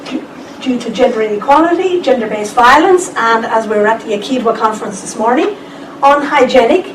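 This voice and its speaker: Woman speaker, fairly high voice, chatty seminar talk, recorded from far off with noise behind. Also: a little fast. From Ireland. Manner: lively, chatty, with asides to the audience. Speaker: conference speaker. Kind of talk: presentation to a seminar audience. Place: lecture room. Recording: echoey room, distant mic, background noise.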